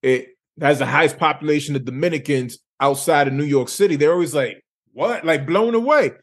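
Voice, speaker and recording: A man's voice: a little high, a little fast. Male host from Lawrence, Massachusetts; casual, slangy, easygoing interviewer. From Lawrence, Massachusetts, USA. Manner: relaxed, conversational, slangy.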